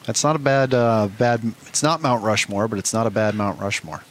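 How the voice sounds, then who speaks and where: Dude co-hosting a card show, lowish voice, casual banter, slight background noise. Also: male voice, normal speed, a bit bright. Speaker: co-host of a trading card show. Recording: faint background room noise.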